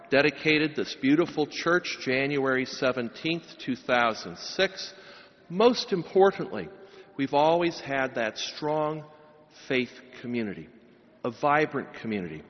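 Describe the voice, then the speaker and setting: Middle-aged pastor preaching at a pulpit microphone. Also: male voice, medium pitch. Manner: emphatic preaching with rising, stressed phrases. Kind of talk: sermon and blessing. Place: large church. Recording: long church reverb, dull sound.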